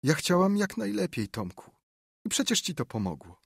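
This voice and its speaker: A man voicing a stern but soft-hearted elderly aunt who scolds her nephew in an audiobook. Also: fairly high pitch, wildly swooping pitch, moderate pace, slightly rough, no room sound, studio quality, pitched above the performer's own voice, heavily acted. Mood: softened. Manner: scolding, suspicious.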